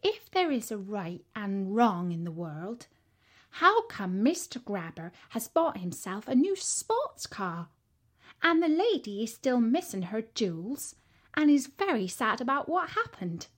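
A young male monkey, puzzled and full of questions, played by a woman reader. His voice sits high and moves slowly. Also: big pitch swings.

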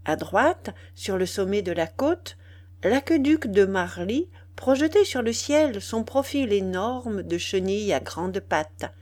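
A woman reading a classic novel aloud as scripted narration, measured and calm, giving the dialogue a soft acted touch. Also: medium pitch. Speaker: audiobook reader.

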